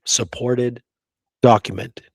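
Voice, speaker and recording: This man co-hosts a relaxed podcast conversation, pressing his points emphatically and leaning on rhetorical tags like "right?" and "okay?". His mid-range voice is steady, slow, and slightly rough, captured in a dry recording.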